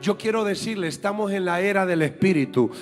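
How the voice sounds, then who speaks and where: A man's voice: sits high, a little fast, long reverb tail, soft background music. A man preaching a sermon in church as an apostle, emphatic and repeating his key points to the congregation. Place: church sanctuary.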